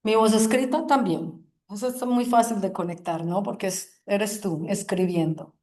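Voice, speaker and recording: A woman teaching a yoga group in a gentle, reflective way, often checking in with the listeners. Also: mid-range voice. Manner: slow, soothing, asks "¿sí?" often. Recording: roomy echoing room.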